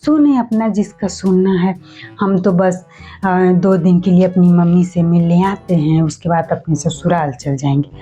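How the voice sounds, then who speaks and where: A young woman performs a comic sketch monologue as a sister-in-law. Her manner is animated and gossipy, sweetly fussing one moment and scornful the next. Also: fairly low pitch, unhurried. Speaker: comedy sketch creator. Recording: slightly dull lo-fi recording, faint background music.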